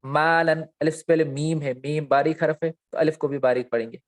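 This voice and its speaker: A man with a fairly high voice gives a recitation lesson over slides. He puts questions to the class and answers them himself, and he stretches each example word out slowly. The sound is dry and close. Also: steady tone, a little mellow, no room sound. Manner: asks and answers his own questions, repeating key terms. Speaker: Quran recitation teacher. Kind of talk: recorded lecture with slides.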